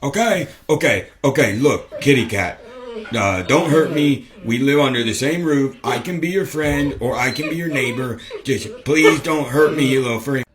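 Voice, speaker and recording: A man's voice: mid-range voice, normal speed, crowd noise, lightly acted. A man voicing an anxious, pleading pet in a funny animal clip. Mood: nervous. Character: nervous jittery pet pleading.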